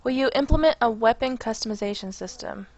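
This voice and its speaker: A woman's voice: a little high, a little fast, darkish tone, no echo, highs cut off. A woman interviewer asking questions in a chatty, playful way. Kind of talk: casual interview questions over an online call.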